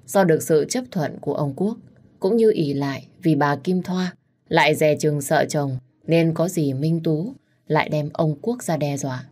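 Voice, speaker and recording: A woman narrating a family drama story in a steady, even manner. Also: sits low.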